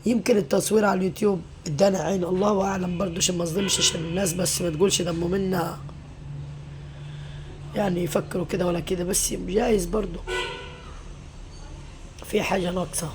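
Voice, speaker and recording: A middle-aged Egyptian mother talks quickly to her viewers in a weary, venting way. She sprinkles her talk with pious phrases. A faint hum of room noise sits behind her. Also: fairly low pitch, steady tone. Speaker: mother and home vlogger. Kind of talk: casual confiding vlog talk.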